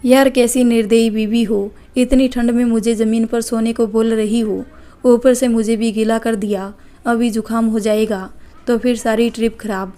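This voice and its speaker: A woman voicing a teasing, wisecracking young husband in a storybook, in an even, flat delivery. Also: on the high side, normal speed, natural voice.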